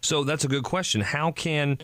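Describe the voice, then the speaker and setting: A man's voice: a little high, moderate pace, fairly bright tone, no echo. A man hosting a radio talk show, speaking in an enthusiastic, effusive manner.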